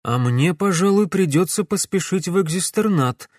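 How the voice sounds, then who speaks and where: A man's voice: high voice, lively intonation, moderate pace, darkish tone, no room sound, studio quality, pitched above the performer's own voice. Man doing an anxious professor. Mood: worried. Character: anxious male professor, quick to conclude.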